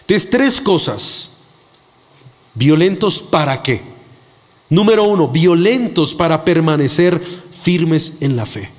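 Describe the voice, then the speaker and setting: A male preacher with a fairly high voice gives an earnest, emphatic sermon built on personal testimony. He acts out the voices he quotes as he speaks. The long echo of a large church hall trails every phrase. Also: expressive, takes it slowly, pauses often.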